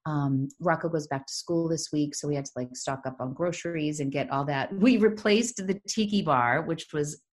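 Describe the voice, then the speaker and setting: A woman in her forties from Massachusetts, USA, co-hosts a podcast, chatting in a rambling, casual way and laughing often. Her voice is low, her pace moderate, and she barely pauses.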